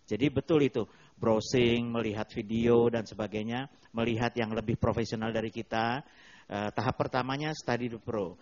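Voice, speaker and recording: A man's voice: mid-range voice, steady tone, normal speed, darkish tone. A man hosting a TV comedy show, explaining patiently in a casual way and mixing in English phrases, speaking into a handheld mic. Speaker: host and comedy mentor. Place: TV studio with live audience. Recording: dull lo-fi TV broadcast.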